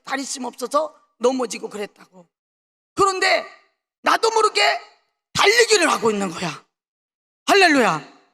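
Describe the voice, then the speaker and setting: Fervent woman preacher with a gravelly voice. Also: high-pitched. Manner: fervent, swings between soft and loud. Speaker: pastor. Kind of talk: testimony sermon. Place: large prayer hall. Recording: long reverb of a large prayer hall.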